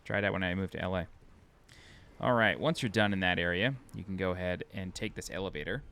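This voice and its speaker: A man with a New York accent narrates his gameplay in a loose, chatty way, thinking aloud and poking fun at himself. His voice sits low with a gravelly edge, and he sounds a little tired. Faint noise hums under the recording. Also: fast, pushed and bright. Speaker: game walkthrough narrator. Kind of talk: casual gameplay commentary.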